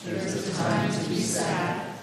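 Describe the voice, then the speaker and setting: A church congregation reading aloud together in a steady, chant-like unison, with heavy cathedral echo. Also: medium pitch, a little slow. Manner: many voices reciting together in a steady chant-like rhythm. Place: large church sanctuary. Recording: distant crowd in an echoey church hall.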